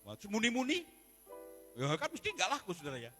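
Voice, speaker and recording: A man with a Javanese accent, a pastor preaching a sermon in an animated, joking way. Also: sits high, a little fast, faint music behind. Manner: animated, joking, acts out quoted voices. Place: church service.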